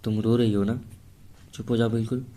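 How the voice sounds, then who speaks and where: A man voicing a devoted young man who talks to his love in a soft, coaxing way. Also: lowish voice, flat delivery, fairly quick, lightly acted. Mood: tender.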